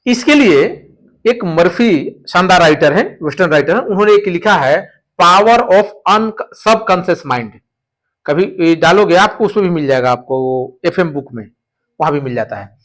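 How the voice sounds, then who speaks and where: High-voiced male teacher lecturing. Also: lively intonation, moderate pace, a bit bright. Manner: explains with stories and repeats key terms. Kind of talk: classroom lecture.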